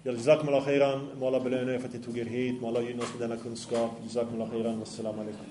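A man's voice: medium pitch, little pitch movement, reverberant, slight background noise. A man preaching an Islamic sermon to young people, earnest and often asking the audience questions.

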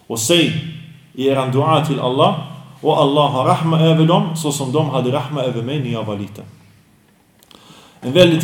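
A man giving an earnest, emphatic sermon and reciting scripture in Arabic between his points. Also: mid-range voice. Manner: mixes Quranic Arabic recitation into his talk. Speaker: Islamic preacher. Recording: roomy echo, voice from a distance.

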